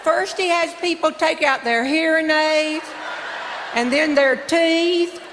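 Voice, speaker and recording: Wry older woman telling a slow comic story. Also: high voice, background noise. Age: 60s. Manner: wry, drawn-out comic delivery. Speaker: humorous speaker. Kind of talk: comic storytelling to a live audience. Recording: echoey hall, faint ambience.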